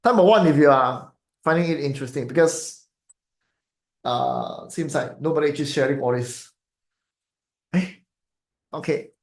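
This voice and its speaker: A man's voice: fairly high pitch, sing-song, normal speed, pauses often, roomy sound. A Malaysian man with a Malaysian English accent, chatting casually to viewers as a feng shui teacher, rambling with many fillers and tag questions. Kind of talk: casual live-stream talk to viewers.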